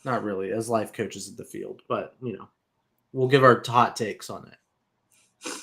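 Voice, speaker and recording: A man hosting a casual livestream chat over a video call, with a dry, self-mocking, low-key way of talking. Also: steady tone, unhurried, vocal fry, a bit bright. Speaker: livestream host.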